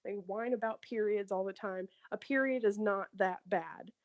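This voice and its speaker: A woman's voice: medium pitch, normal speed, dull audio. A young adult woman co-hosting a podcast, telling crude stories in casual chat with lots of "like" and laughter. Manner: crude, animated storytelling with many likes. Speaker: podcast co-host.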